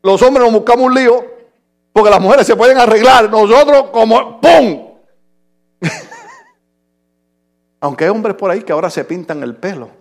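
A middle-aged male pastor with a high voice that turns gravelly. He preaches in a joking, conversational way, teasing the congregation and now and then shouting a line. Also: expressive, normal speed, pauses often. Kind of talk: humorous sermon.

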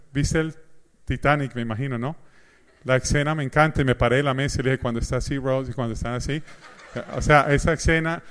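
A man's voice: mid-range voice, smooth. A middle-aged man preaching a sermon as pastor, telling stories and acting out both sides of a conversation. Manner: animated storyteller, acts out dialogue. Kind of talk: sermon with humor.

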